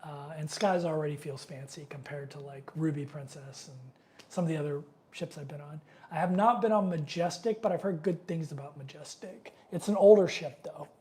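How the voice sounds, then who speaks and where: His voice sits on the high side, warm in tone and at a normal speed. He's a middle-aged man with a cold, sniffling through a casual live Q&A stream where he rambles loosely. Fillers come often, and he reads viewers' comments aloud.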